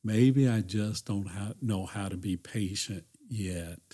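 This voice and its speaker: Male church counselor, lowish voice, reflective and earnest, podcast chat. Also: slow, mellow, slightly rough. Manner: earnest, reflective, often restarts phrases. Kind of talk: conversational podcast talk.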